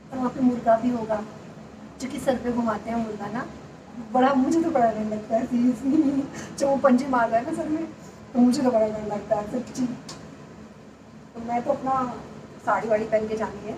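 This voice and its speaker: A soft-spoken woman in her thirties chatting casually and confidingly to her viewers in a home vlog. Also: on the high side. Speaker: vlogger. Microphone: clip-on mic, often away from it. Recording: roomy, distant, noisy home recording. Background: machine running on the gas stove.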